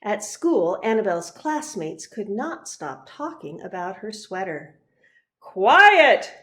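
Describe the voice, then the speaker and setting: A reverend, a woman with a mid-range voice, reads a children's picture book aloud. Her narration is expressive and deliberate, with pauses for emphasis.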